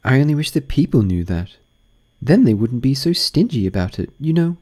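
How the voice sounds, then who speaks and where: A man's voice: mid-range voice, big pitch swings, normal speed, darkish tone, voice pushed up. A man doing Alice, a polite curious girl. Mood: musing, polite.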